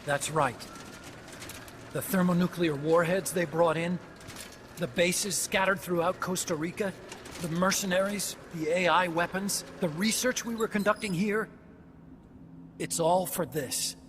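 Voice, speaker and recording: In a game cutscene backed by score music, an actor plays an earnest young male engineer scientist who talks a lot and explains things at length. His voice sits high and is a bit bright, with a steady tone and measured pace, and there's a little hiss or hum.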